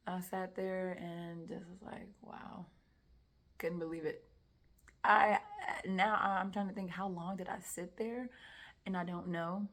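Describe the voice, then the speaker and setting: Young woman, slightly low voice, emotional personal testimony told casually, with whispered asides. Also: unhurried. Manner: emotional, animated retelling with soft whispered asides. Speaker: testimony speaker.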